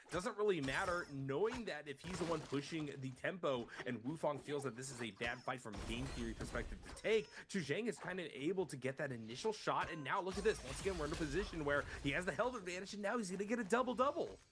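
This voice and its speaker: Brief: male esports analyst, measured tactical commentary, noisy broadcast feed. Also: medium pitch. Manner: measured, explains the tactics of each fight.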